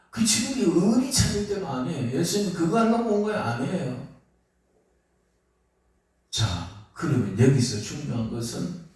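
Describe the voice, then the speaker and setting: A man preaching a sermon as pastor, asking his congregation questions as he goes. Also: a little high. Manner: lively, asks the congregation questions. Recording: echoey hall, mic far off.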